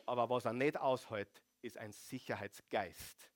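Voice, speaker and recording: A man's voice: medium pitch, measured pace. A man preaching a sermon, animating the congregation with rhetorical questions. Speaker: pastor.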